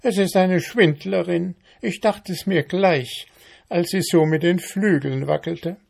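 A man's voice: high-pitched, creaky, darkish tone, husky, pitched above the performer's own voice, exaggerated voice. A man doing a bossy, pompous female ant. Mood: scolding. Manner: brisk, pompous, scolding.

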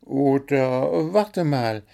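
A man's voice: medium pitch, expressive, very slow, gravelly, dark tone, pitched above the performer's own voice, heavily acted. A man voicing a cheeky, greedy little blue male bird that pesters for sweets. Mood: demanding. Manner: demanding, sweet-toothed, pestering.

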